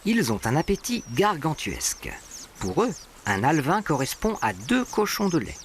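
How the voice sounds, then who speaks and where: A man's voice: on the high side, wildly swooping pitch, normal speed, slight background noise. A man reading scripted narration for a nature documentary. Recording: animal and bird sounds behind. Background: birdsong and natural ambience.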